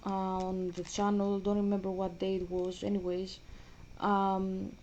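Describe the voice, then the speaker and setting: The lo-fi recording, with slight background noise, captures a woman's mid-range, darkish voice delivered completely flat and a little slowly. A vlogger from Greece with a Greek accent, she casually comments on her gameplay, rambling and restarting sentences.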